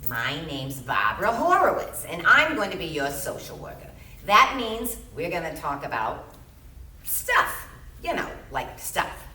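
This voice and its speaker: A woman's voice: low-pitched, big pitch swings, a little slow, bright, forceful tone, roomy sound, distant mic, exaggerated voice. A woman playing a chirpy social worker. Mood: bubbly. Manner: bubbly, talking down sweetly to a child.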